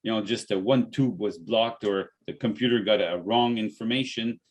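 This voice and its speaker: A man's voice: on the low side, moderate pace. A man hosting a casual health podcast who often stops and repeats words mid-sentence. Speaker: podcast host and natural health business owner.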